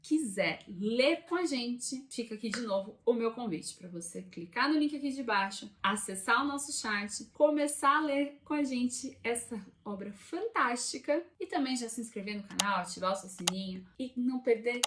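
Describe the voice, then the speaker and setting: Chatty Brazilian woman, slightly high voice. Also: animated, moderate pace, few pauses, fairly bright tone. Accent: Brazilian Portuguese. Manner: chatty, conversational, asides to viewers. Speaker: book channel host. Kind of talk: casual talking-head vlog. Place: room by a window.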